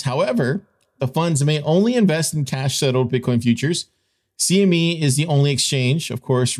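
A man's voice: mid-range voice, a little mellow. Emphatic man giving informal news commentary. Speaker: host of a crypto news show.

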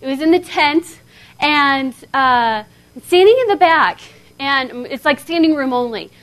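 High-voiced woman in her thirties, preaching. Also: unhurried. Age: 30s. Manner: animated, conversational, frequent "okay?" checks. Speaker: seminar speaker. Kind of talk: sermon-style talk. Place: seminar hall before an audience.

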